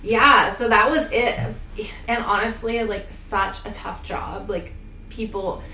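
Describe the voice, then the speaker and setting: A woman's voice: medium pitch, fairly even intonation, takes it slowly, pushed and bright. Young woman, bubbly Valley Girl sorority-girl talk, casual chat, echoey room, faint noise. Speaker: podcast guest.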